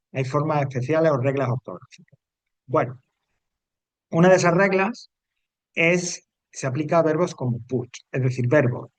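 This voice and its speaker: A male English teacher with a slightly high voice is heard in a dry, close recording. Teaching a grammar lesson in class, he patiently goes step by step, repeats the rules, and checks in with "¿vale?".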